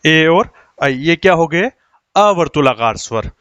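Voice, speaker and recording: A man teaching a grammar lesson, asking questions and answering them himself, slowing down to dictate definitions. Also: a little high, lively intonation, a bit bright, clean tone, dry recording. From India. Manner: asks rhetorical questions and answers them himself, slows down while writing on the board.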